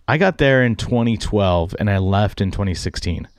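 Relaxed low-voiced male interviewer. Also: normal speed, clear, resonant tone, no echo, clean studio sound. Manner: relaxed, loose, with many likes. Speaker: host, interviewer. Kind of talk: casual interview chat.

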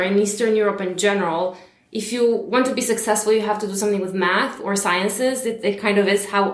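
A woman in her thirties, originally from Romania, talks as a guest on a podcast, with a voice of middle pitch. She speaks in a warm, chatty way, laughing often and filling pauses with small hesitations. The recording has a roomy echo. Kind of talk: interview podcast.

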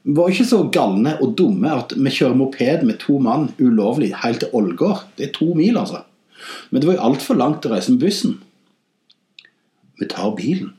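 Man, comedy podcast host, lively swooping pitch, sarcastic deadpan jabs, roomy echo. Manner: animated, with big swings in pitch and loudness. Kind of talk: comic storytelling and satirical commentary.

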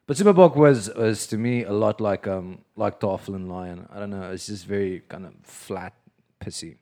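A man's voice: on the low side, normal speed, a little mellow. Rambling, swearing male podcast co-host. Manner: rambling, restarts often, swears freely. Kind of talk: casual chat over beers.

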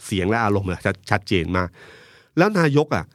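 A man with a lowish voice delivers political commentary at a quick clip. His pitch rises and falls with lively emphasis as he argues with vivid analogies. The sound is close and dry. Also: no room sound. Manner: animated, argumentative, uses vivid analogies. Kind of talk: political talk show discussion.

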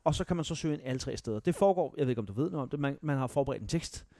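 A young man from Denmark telling stories in a casual chat, animated, swearing and mocking himself. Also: fairly high pitch, gravelly, no echo, studio quality. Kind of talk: casual podcast storytelling.

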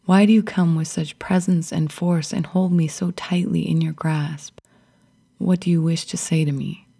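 A troubled young girl whispers her questions inward, voiced by a woman storyteller. Her voice is low and dark with a raspy, breathy grain. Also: steady tone, normal speed. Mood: searching.

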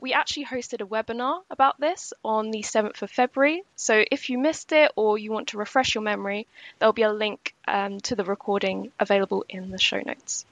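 A woman co-hosting a podcast, reading a scripted pension news summary in a measured, explanatory way. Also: medium pitch, steady tone, dry recording. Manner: measured and explanatory, slowing for key points. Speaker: podcast co-host.

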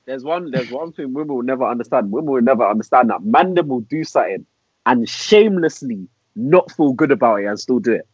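Husky young London roadman, emphatic and slangy. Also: mid-range voice, expressive, fairly quick, muffled recording. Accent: London roadman, urban slang. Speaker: podcast panellist answering listener dilemmas. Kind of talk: animated casual group discussion.

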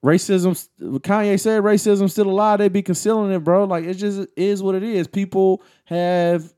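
Man, fairly high voice, casual podcast chat, slangy, keeps repeating his point. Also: fairly even intonation, normal speed, warm tone. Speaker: podcast co-host.

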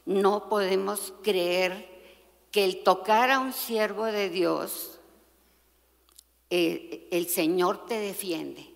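A woman's voice: medium pitch, extremely slow, creaky. A woman earnestly sharing a testimony in a women's group, with a preachy tone. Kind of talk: casual testimony. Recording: reverberant room.

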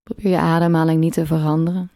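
Low calm woman doing a guided meditation, slow and soothing, dry close recording. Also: no room sound. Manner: slow, soothing, pausing between phrases.

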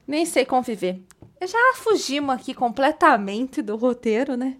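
A woman co-hosting a casual podcast chat, playful and quick when telling stories. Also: sits high, sing-song. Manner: playful, fast storytelling. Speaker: podcast co-host.

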